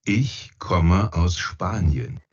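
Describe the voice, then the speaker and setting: A man speaking a scripted textbook dialogue very deliberately. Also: sits low, very animated, a little mellow, husky. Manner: very slow, deliberate. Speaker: speaker in a language-course audio. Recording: muffled course audio played over a call.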